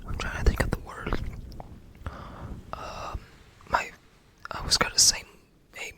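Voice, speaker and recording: An ASMR creator speaks entirely in a breathy, bright whisper. The delivery is slow and hesitant, a casual, self-effacing ramble that keeps pausing to search for the right word. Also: rough recording. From United States.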